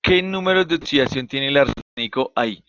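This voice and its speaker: A man's voice: mid-range voice, lively intonation, brisk, bright, forceful tone, no room sound. Dull-sounding male teacher on a video call. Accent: Colombian Spanish. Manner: patient, asks questions and answers them himself. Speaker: chemistry teacher. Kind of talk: online class lecture. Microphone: computer mic on a video call.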